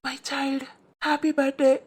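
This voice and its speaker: A high voice of a repentant middle-aged father, as a woman acts him out. He speaks gently and apologetically. This is cartoon voice acting. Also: little pitch movement, very slow. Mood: remorseful.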